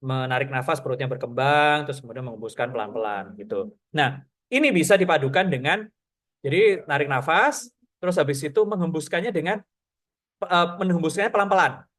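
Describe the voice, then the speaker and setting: A man leads a relaxed public speaking lesson, talking in a loose, conversational way full of fillers. His voice sits a little high, and he breaks off to demonstrate breathing, lip trills and vowel drills. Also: brisk. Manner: chatty, filler-heavy, demonstrates breathing and sounds; says he has a radio announcer's voice. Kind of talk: casual online workshop lesson.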